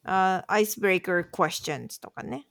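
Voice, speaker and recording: A woman's voice: medium pitch, fast, gravelly, a bit bright, no echo, studio quality. A woman co-hosting a casual podcast, patiently explaining words in a chatty, conversational way. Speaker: podcast co-host posing quiz words.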